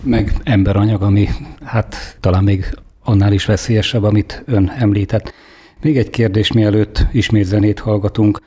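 A man's voice: fairly low pitch, level tone, mellow. A man hosting a radio interview, asking questions in a formal, courteous way. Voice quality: gravelly and husky. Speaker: radio host.

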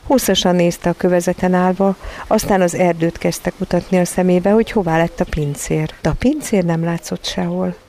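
A narrator reading a children's story aloud in a calm, steady storytelling manner, now and then addressing the listener directly. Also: medium pitch, slight background noise. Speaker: audiobook narrator.

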